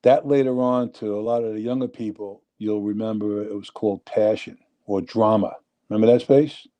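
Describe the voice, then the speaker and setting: This New Yorker in his sixties rambles animatedly through casual stories as an interview guest, his voice fairly low and at a normal speed.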